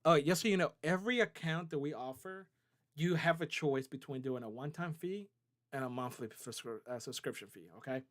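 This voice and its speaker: A man's voice: fairly high pitch, fairly quick, fairly bright tone. A man hosting a live stream, answering viewers' chat questions in a loose, conversational way, often checking in with "right?" and "okay?". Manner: loose, with many fillers and restarts. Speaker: trading company CEO hosting a live stream.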